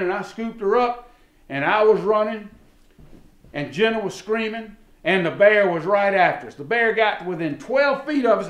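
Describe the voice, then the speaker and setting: Folksy Southern man telling stories. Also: a little high. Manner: folksy, drawling, addresses the audience directly. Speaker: storyteller. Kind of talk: folksy comedic storytelling. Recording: roomy echo.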